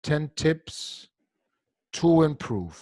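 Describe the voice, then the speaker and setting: A man teaching an online English pronunciation class over a video call, patiently repeating words and stretching them out slowly with exaggerated sounds. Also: fairly high pitch, sing-song, darkish tone, dry recording.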